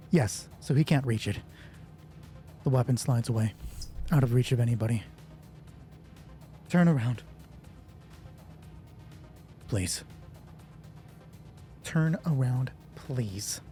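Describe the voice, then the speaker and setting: A man with a warm, medium-pitched voice runs a solo tabletop roleplay as game master. He thinks out loud in a casual, conversational way, reasoning through the rules as he goes.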